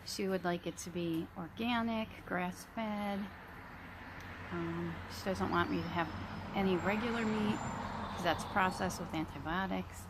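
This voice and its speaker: A woman in her early fifties chatting casually to viewers as a vlogger, rambling reflectively and pausing mid-sentence. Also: lowish voice, noisy background. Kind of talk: casual chit-chat mukbang vlog.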